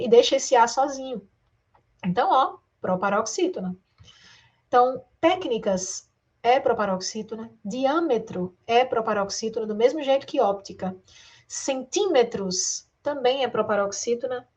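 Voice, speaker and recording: A fairly high-voiced Brazilian woman teaching exam-prep grammar. She draws words out slowly, syllable by syllable, and keeps asking her students questions as she goes. Her delivery is lively and direct. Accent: Brazilian Portuguese. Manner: addresses students directly, asks rhetorical questions.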